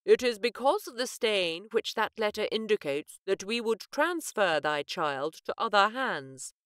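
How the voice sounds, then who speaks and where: A woman's voice: medium pitch, lively intonation, unhurried, a bit bright, no room sound, studio quality, pitched above the performer's own voice. A woman voicing a stern male colonial governor who speaks formally and with command.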